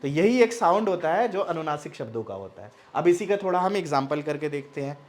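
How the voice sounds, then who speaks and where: An animated man with a voice on the high side teaches a spoken language lesson. He questions and answers himself, slowly repeats words while lengthening their nasal sounds, and frequently checks that everyone understands.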